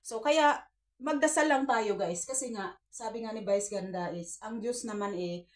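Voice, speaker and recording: A woman's voice: fairly high pitch, moderate pace. Earnest woman in her fifties giving advice. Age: 50s. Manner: earnest, preachy, addresses viewers as guys, acts out quoted dialogue. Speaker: vlogger giving life advice. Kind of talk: casual advice talk to viewers.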